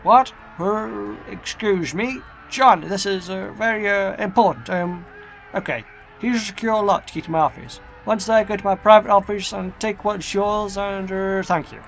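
A man's voice: sits high, normal speed, creaky, a bit bright, voice pushed up. A man voicing an arrogant male factory boss who boasts and stammers with ums and uhs, in a video game read-aloud. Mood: flustered. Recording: game music behind.

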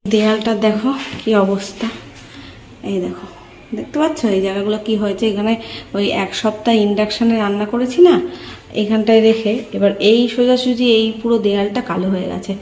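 A woman vlogging while she cleans her kitchen, talking in a casual, chatty way and explaining each step quietly, with her voice echoing strongly off the bare walls of an empty room. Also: medium pitch, fairly even intonation, brisk. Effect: strong echo from an empty room. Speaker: home vlogger. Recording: echoey empty room, faint background noise.

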